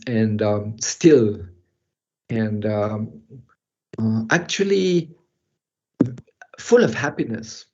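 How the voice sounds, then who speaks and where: Telling his own life story during an online talk, an older man raised in Europe speaks at a steady mid-level pitch as a guest speaker. Soft laughs, pauses, and restarts mark his reflections, and the dull, muffled sound suggests a video-call connection.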